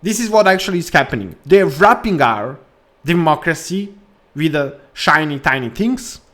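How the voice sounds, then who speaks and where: Male vlog host, non-native English, fervent and preachy, repeats himself for emphasis, slightly raised pitch. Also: animated, moderate pace, fairly bright tone. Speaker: crypto channel host. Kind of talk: opinionated vlog rant.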